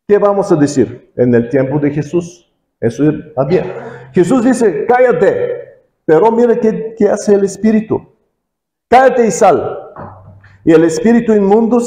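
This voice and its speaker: Slow, halting male evangelist preaching. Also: a little high, mellow, reverberant, poor audio. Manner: halting, with many pauses and restarts in a learned language. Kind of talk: sermon.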